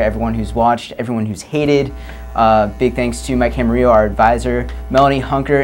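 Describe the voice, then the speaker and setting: A young man hosts a student comedy show in a dry, deadpan way. He rattles off jokes plainly and mutters his asides more quietly. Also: medium pitch. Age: young adult.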